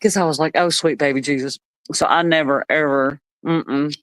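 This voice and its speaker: A woman telling family stories in a casual live chat, animated and laughing often. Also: low-pitched, moderate pace, no echo. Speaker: live stream co-host.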